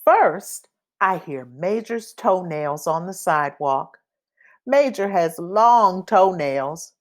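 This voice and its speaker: A woman reads a children's picture book aloud, going very slowly and carefully. Her expressive voice ranges widely in pitch, she acts out the sound effects, and she sets each phrase apart deliberately for young listeners.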